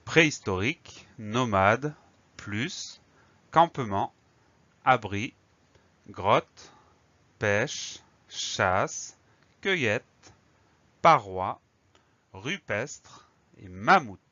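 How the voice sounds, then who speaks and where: A man's voice: on the low side, lively intonation, very slow, pauses often, pushed and bright, dry recording, lo-fi sound. A man teaching a spelling lesson for children, patient, spelling words out letter by letter. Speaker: primary school teacher.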